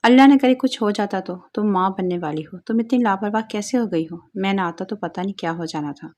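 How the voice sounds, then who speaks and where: A woman voicing a young husband who grumbles and scolds but cares deeply, read in a storybook narration. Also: darkish tone, dull audio, close to an everyday voice. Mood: scolding.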